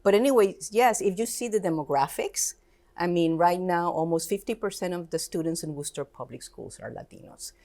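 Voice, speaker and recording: A Puerto Rican woman, a native Spanish speaker with a Puerto Rican Spanish accent, appears as a guest in a casual interview, where she directs an education institute. Her voice sits on the low side and sounds warm and expressive, moving fairly quickly. She talks earnestly and emphatically, with slightly non-native grammar.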